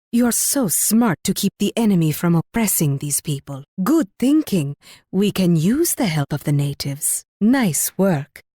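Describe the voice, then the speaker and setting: A woman's voice: lowish voice, warm tone, no echo, clean studio sound. An actress playing a haughty, flirtatious queen in a video game, with a teasing, condescending manner. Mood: approving. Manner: coquettish, condescending, purring. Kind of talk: video game character voice lines.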